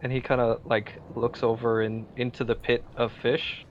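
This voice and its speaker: A man's voice: mid-range voice, level tone, moderate pace, highs cut off, a little hiss or hum. A man running a tabletop game as game master, narrating casually and talking with players.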